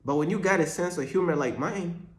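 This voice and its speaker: A young man from Uganda riffs through a faith vlog in loose, slangy talk, mixing jokes with preaching. His voice sits a little high for a man. The room around him rings with echo. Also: brisk. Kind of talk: casual faith vlog monologue.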